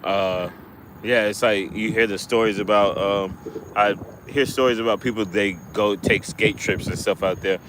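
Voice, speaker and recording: A man's voice: on the low side, steady tone, normal speed. A man chatting casually on a live stream while fishing outdoors, rambling with lots of fillers and restarts. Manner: rambling, laid-back, many fillers and restarts. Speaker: livestreaming angler. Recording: wind noise on the mic outdoors.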